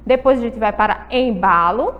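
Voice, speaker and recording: Brazilian woman teaching little kids, sing-song and drawn out, high voice, echoey room. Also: muffled recording. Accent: Brazilian Portuguese. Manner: sing-song, drawn-out word repetition for young pupils. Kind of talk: recorded school lesson for children.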